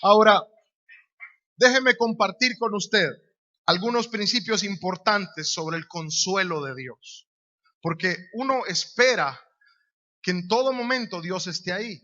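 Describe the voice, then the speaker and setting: A man's voice: sits high, measured pace, pushed and bright. A man with a Honduran accent preaching a sermon, emphatic, with rhetorical questions and repeated phrases. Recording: dull lo-fi recording.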